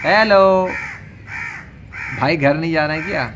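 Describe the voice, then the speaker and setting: Man vlogger, slightly high voice, slow chatty delivery, coaxing a crow; outdoor phone audio with clear background noise. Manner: chatty, playful, coaxing and talking to the bird. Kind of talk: casual vlog, talking to a crow. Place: outdoors near a perched crow, after drizzle. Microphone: phone camera.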